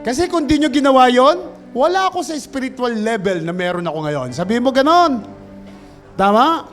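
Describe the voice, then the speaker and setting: High-voiced pastor preaching animatedly. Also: male voice, lively intonation, moderate pace, faint music behind. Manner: shouts for emphasis. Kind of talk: sermon.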